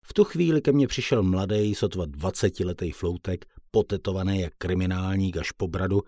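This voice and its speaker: Deep, husky man narrating an audiobook. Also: dark tone, no room sound, studio quality. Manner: plain, colloquial storytelling. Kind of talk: first-person audiobook narration.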